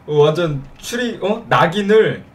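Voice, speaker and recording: A man's voice: sits high, lively intonation, measured pace. A young man giving casual reaction commentary, giggly as he tries not to laugh. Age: young adult. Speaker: video blogger. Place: small home room, indoors. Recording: distant mic, music behind.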